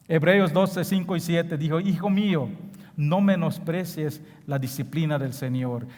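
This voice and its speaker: A man's voice: on the high side, long reverb tail. A man preaching a sermon with passion, stressing key phrases and sometimes repeating a word as he searches for the next. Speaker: pastor. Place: church sanctuary.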